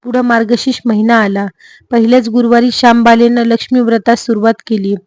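A woman's voice: on the high side, flat delivery, fairly quick, a little mellow, no room sound. Woman narrating a devotional folk tale. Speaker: storyteller.

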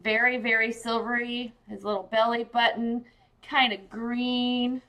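A woman's voice: fairly high pitch, little pitch movement, a little slow, fairly bright tone, poor audio. A woman hosting a live pearl-opening sale, chatting casually and gushing to viewers by name. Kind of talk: casual live-stream sales chat.

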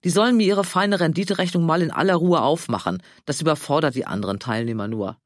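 A man voicing a stubborn, pompous retired tax official in his sixties, deep and slow. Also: no echo, clean studio sound, lightly acted. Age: 60s.

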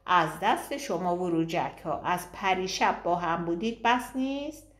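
A woman's voice: on the low side, lively intonation, natural voice. Woman narrator doing a teasing chatty woman friend, audiobook, roomy sound. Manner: bantering, gossipy.

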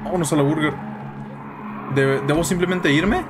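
A man giving jokey, slangy horror-game commentary and yelling when scared. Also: a little high, normal speed, background noise. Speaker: gaming YouTuber. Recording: game music behind voice.

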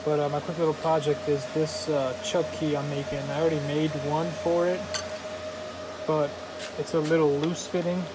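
A man's voice: on the high side, level tone, normal speed. A young man casually demoing his welding gear in a workshop, talking loosely with lots of fillers, filmed on a phone. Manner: easygoing, rambling with many fillers. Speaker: welder demonstrating his shop gear. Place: cluttered indoor workshop. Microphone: phone camera, handheld then on tripod. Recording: loud shop noise behind. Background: loud hum of shop machines and air.

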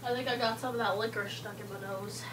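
A woman's voice: fairly high pitch, steady tone, fast, heavy background noise. A woman chatting playfully with a friend, laughing often. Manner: giggly, playful. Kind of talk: casual chat among friends. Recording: from far off, loud music behind.

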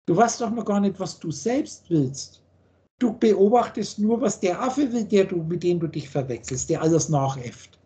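A man's voice: high-pitched, animated, moderate pace, dark tone. A man teaching in a video call, blunt and preachy, firing off rhetorical questions. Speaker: spiritual teacher.

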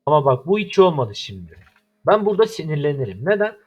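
Young Turkish male gamer, exasperated commentary, slightly high voice. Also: big pitch swings, fast talker. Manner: frustrated, exasperated complaining. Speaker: gaming YouTuber. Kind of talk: gameplay commentary.

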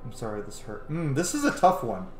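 A man in his thirties gives casual let's play commentary in an indoor home room, thinking aloud while playing a role-playing game. His medium-pitched voice is sing-song and brisk, with slight background noise. The room is echoey, and game music plays behind him.

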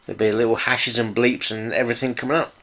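A man's voice: medium pitch, fairly even intonation, fast, fairly bright tone. A middle-aged British man casually narrating a hands-on hobby build vlog in an informal, appreciative, chatty way. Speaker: hobby video host, model car builder.

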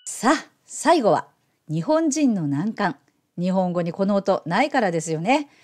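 抑揚豊かな女性の英語教師. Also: female voice. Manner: playful, coaxing as if to children; animated, lively pitch. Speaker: English teacher. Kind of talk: pronunciation lesson.

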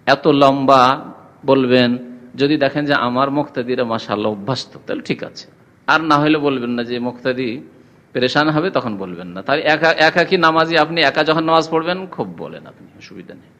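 A man's voice: medium pitch, animated, normal speed, fairly bright tone, long reverb tail. A man teaching a religious lesson, asking the class questions and reciting Arabic. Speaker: Islamic teacher.

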